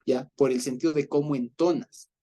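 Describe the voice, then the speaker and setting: Mellow-voiced man teaching a Bible study. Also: medium pitch, fairly even intonation, normal speed. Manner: explanatory, often checks in with a questioning "ya?"; hesitant, with fillers and restarts.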